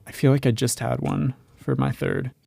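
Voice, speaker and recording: A man's voice: mid-range voice, level tone, moderate pace, creaky, dark tone, slightly rough, dry recording. A young man on a podcast, hesitant and searching for his words. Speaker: podcast host. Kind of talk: casual chat.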